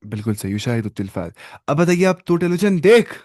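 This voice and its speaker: A man's voice: a little high, big pitch swings, darkish tone. Man teaching, drilling phrases over and over. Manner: drills phrases, repeats and prompts the student. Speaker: Arabic teacher. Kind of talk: online language lesson.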